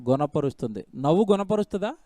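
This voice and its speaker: High-voiced emphatic preacher man. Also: lively intonation, fast, mellow, dry recording, clean studio sound. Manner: emphatic preaching with rhetorical questions and repeated phrases. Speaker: pastor. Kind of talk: sermon.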